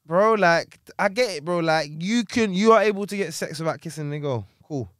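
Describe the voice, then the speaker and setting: Podcast host: young man, London accent, slightly high pitch, dry sound. Casual street-slang banter, emphatic, repetitive storytelling. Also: animated, normal speed, fairly bright tone, no echo. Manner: repeats words, emphatic storyteller.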